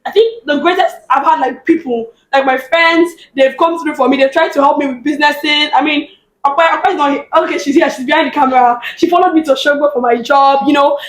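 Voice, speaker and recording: High-voiced Nigerian woman, chatty. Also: fast, reverberant. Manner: lively, chatty, laughs often. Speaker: guest business owner. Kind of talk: casual interview chat.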